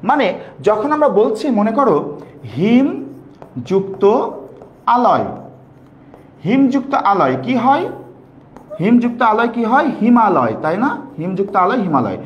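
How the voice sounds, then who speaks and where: A male teacher with a Bangladeshi Bengali accent gives a classroom grammar lecture in a very high voice with big pitch swings, speaking a little fast. He asks students questions, answers them himself, and repeats key terms to drill them in. The recording is muffled, with roomy echo.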